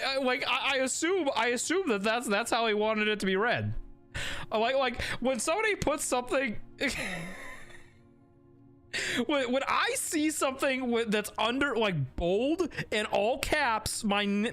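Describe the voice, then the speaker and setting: A man's voice: very high-pitched, big pitch swings, moderate pace, a bit bright, faint music behind. A man hosting a casual live game stream, rambling and laughing with lots of fillers and restarts. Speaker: streamer and host.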